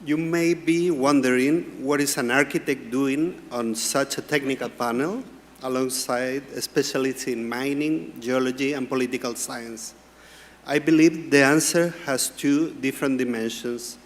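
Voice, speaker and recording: Chilean man giving a formal talk. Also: medium pitch. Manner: formal, measured, with occasional word restarts. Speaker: panelist, architecture professor. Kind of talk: prepared panel talk. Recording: long hall reverb.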